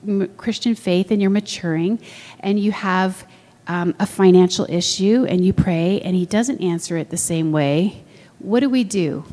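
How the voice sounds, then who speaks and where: Woman preaching in a reverberant hall. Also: mellow. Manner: conversational, asks the room questions; acts out quoted voices with big pitch jumps. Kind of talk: sermon.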